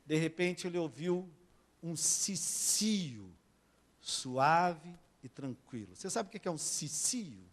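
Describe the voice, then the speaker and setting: A high-pitched man preaches slowly and deliberately, as a pastor giving a sermon in church. He drops to near-whispers, then climbs loud again, and keeps calling on his listeners to say amen. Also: sing-song. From Brazil. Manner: keeps asking the congregation for amens, swings between soft and loud.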